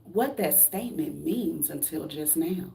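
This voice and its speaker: A woman in her late thirties from the United States vlogs a blunt, preachy motivational talk to camera, full of rhetorical questions and casual swearing. Her low, gravelly voice has a dark tone, lively intonation, and a slightly slow pace.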